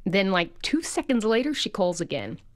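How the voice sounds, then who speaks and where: A woman's voice: mid-range voice, big pitch swings, normal speed, slight background noise. A woman telling comic personal stories as a narrator. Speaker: storyteller.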